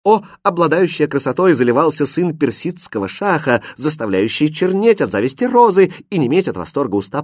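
A man's voice: fairly high pitch, dry recording, studio quality, voice pushed up. Storybook suitor prince, flowery, gushing, raised voice, man reading. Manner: gushing, sing-song flattery. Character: flowery pompous young Persian prince.

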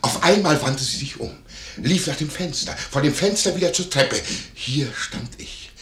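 An actor playing a nosy, wheedling innkeeper in a 1950s radio play, gossiping in a lively way. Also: male voice, fairly high pitch, moderate pace. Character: nosy, fawning male innkeeper, middle-aged. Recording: echoey 1950s radio studio.

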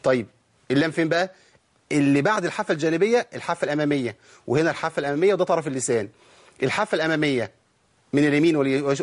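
A man with an Egyptian accent teaching a tajweed lesson, asking his listeners questions and demonstrating each sound. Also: a little high. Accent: Egyptian Arabic. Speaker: Quran recitation teacher.

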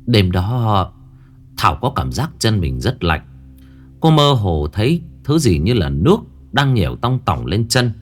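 A man narrates a ghost story with lively, suspenseful rises and falls. Faint music plays underneath. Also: on the low side, measured pace. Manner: dramatic, suspenseful.

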